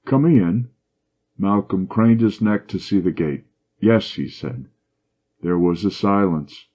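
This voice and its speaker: A man narrating a classic short story in a measured, low-key manner. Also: a little mellow. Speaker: audiobook narrator. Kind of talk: scripted narration. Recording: dull lo-fi audio.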